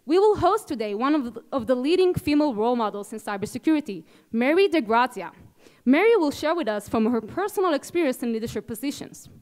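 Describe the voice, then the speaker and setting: A young woman with an Israeli accent moderates a conference session on stage in a large ballroom, introducing the keynote and rousing the audience through a handheld microphone. Her voice is high, expressive, fast, and a little mellow, with a big-room sound.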